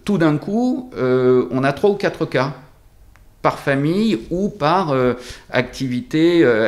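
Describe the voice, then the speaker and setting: A man speaking through a face mask as a doctor in an interview, explaining things deliberately with hesitant pauses. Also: mid-range voice. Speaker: doctor at a local practice being interviewed.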